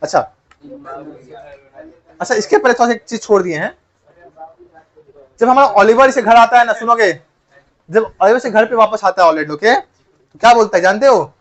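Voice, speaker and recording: A male teacher tells a play's story in a relaxed, chatty way, his voice pitched high. He drops into the characters' lines and keeps asking his listeners questions. The recording sounds slightly dull and lo-fi. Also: moderate pace, long pauses. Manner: retells the plot conversationally, acting out character lines. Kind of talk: casual storytelling lesson.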